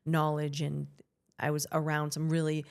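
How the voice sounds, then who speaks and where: A woman's voice: low voice, completely flat delivery, normal speed, creaky, smooth. A middle-aged woman with a Boston accent, a guest chatting casually in an interview, rambling with many fillers and restarts. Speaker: podcast guest, hairstylist and CrossFit coach.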